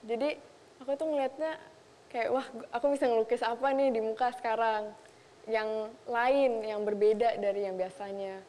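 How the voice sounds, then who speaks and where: A woman's voice: on the high side, fairly even intonation, normal speed, mellow, big-room sound. A young Indonesian woman, a makeup artist, chatting casually in a talk show interview and mixing in English phrases. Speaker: makeup artist and content creator.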